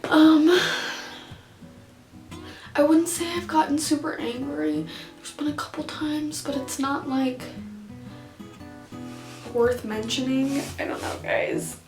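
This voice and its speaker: A woman's voice: high voice, slow pace, pauses often, echoey room, music in the background. A young woman vlogging casually to camera, rambling and giggly, close to tears as she talks. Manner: rambling, giggly, emotional, many fillers. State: teary, on the verge of crying.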